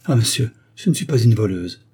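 A man reads the part of a young French governess, proud but hurt, speaking in a hesitant, pleading way. The voice stays dark and husky, set a little above the reader's own low register. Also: lively intonation, a little fast. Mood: wounded pleading.

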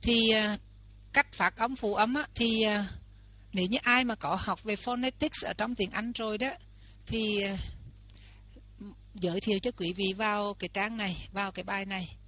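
Bright-voiced woman teaching patiently. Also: medium pitch, steady tone, normal speed. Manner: explains step by step, repeats example words aloud. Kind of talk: lesson on Pali pronunciation. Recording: dull lo-fi recording.

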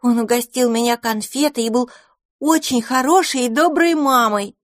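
A woman voicing a cheerful, eager little boy kitten in a storybook, squealing with excitement. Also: on the high side, moderate pace, dry recording, studio quality, pitched above the performer's own voice, close to an everyday voice.

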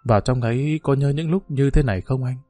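A man's voice: medium pitch, a little fast, warm tone, lightly acted. A man reading the part of a passionate young village woman, pleading and intimate in a story.

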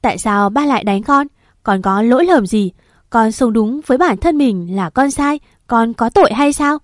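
A woman's voice: a little high, moderate pace, no room sound, clean studio sound, lightly acted. A woman voicing a defiant young man who argues with his father, raising his voice in desperation. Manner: raised, pleading and defiant.

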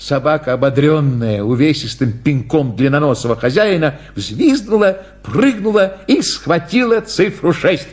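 A man narrating a story with lively, expressive storytelling. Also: fairly high pitch, a little slow, hardly any pauses. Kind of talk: storybook reading.

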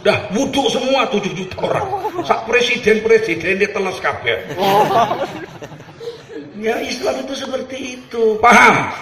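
A middle-aged man from Medan preaching a humorous sermon, telling lively stories and acting out little scenes. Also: very high-pitched, unhurried, roomy sound, very noisy. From Medan, Indonesia. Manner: animated storytelling with acted voices.

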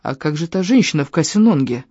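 An audiobook reader narrating a first-person adventure novel in a steady, low-key way. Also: fast talker, no room sound. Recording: dull, dry lo-fi audio.

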